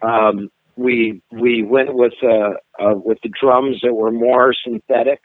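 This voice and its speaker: Over a dry, tinny phone connection, a middle-aged man who sings chats in a relaxed interview. His voice is medium-pitched and fairly even, his pace slow, and he frequently stalls and restarts his sentences.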